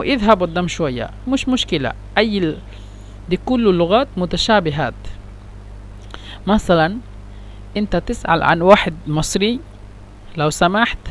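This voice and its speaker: A man with a high voice teaches vocabulary, saying each word twice and glossing it with a simpler synonym. His delivery is patient and methodical, like a recorded classroom lesson. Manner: repeats words slowly, explains each with a synonym. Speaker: Arabic teacher. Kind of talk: language lesson.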